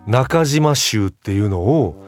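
A man hosting a casual talk show, talking in a relaxed, drawn-out way and chuckling often. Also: medium pitch, soft background music. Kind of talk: casual chat.

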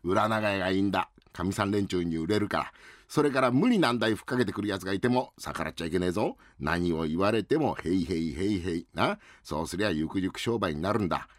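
A man doing a gruff old uncle greengrocer. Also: low voice, lively intonation, fast, no echo. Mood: bossy. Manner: scolding, rough Edo speech. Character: gruff older male greengrocer uncle, bossy. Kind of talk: rakugo storytelling.

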